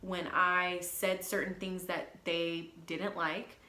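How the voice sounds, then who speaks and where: Bright-voiced woman confessing frankly. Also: on the low side, little pitch movement, takes it slowly, echoey room. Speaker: beauty vlogger and hairstylist. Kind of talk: candid personal vlog.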